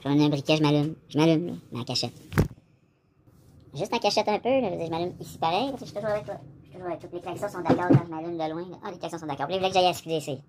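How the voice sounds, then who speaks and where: Rapid-talking Québécois man rambling. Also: fairly high pitch, background noise. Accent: Québécois French. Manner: meandering, addresses the viewer directly, frequent filler "là". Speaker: vlogger. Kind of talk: rambling casual monologue to camera.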